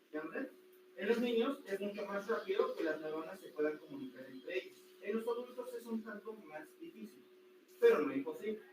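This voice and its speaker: High-voiced man lecturing a class. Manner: animated, quizzes the class with rhetorical questions. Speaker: anatomy teacher. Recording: echoey room, distant mic, noisy.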